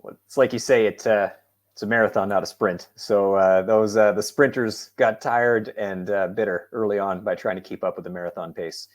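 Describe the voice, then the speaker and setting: A man hosting an interview, relaxed and upbeat, with filler words. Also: lowish voice, moderate pace. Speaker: interview host.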